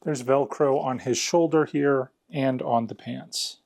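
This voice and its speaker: Male product reviewer, conversational, walking through steps with noticeable vocal fry. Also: mid-range voice, unhurried, darkish tone. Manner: conversational, explanatory. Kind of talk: casual hands-on unboxing and review narration.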